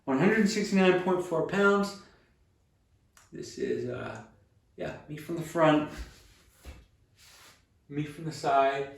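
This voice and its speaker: This American vlogger in his twenties has a slightly high voice, speaks slowly with vocal fry, and pauses often while sitting far from the mic. His casual, earnest weight-loss vlog is upbeat and self-encouraging, full of fillers and restarts. Echo fills the room, and his voice sometimes falls off-mic.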